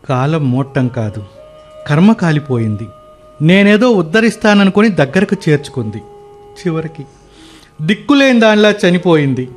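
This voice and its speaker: A grief-stricken, guilt-ridden son. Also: male voice, a little high, very animated, moderate pace. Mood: remorseful. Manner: mournful, self-reproaching. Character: guilt-ridden married son, grieving, remorseful. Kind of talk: radio play acting. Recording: faint music behind.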